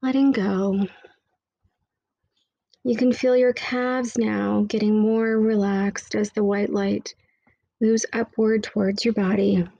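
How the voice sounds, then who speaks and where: A woman leading a guided meditation with soothing, hushed, intimate delivery and repetitive, hypnotic phrasing, close on the microphone. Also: medium pitch, little pitch movement, takes it slowly, creaky, pauses often, dry recording, muffled recording.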